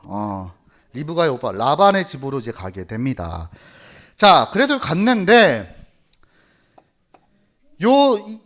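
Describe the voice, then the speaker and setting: A man preaching to children and retelling a Bible story, who stops to quiz the children with questions. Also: high voice. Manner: lively, quizzes the children.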